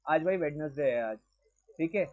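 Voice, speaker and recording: A man's voice: a little high, expressive, moderate pace. A man teaching a class, quizzing students and switching between Hindi and English. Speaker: lecturer. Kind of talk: classroom lecture. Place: classroom with a board. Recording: dull lo-fi classroom recording.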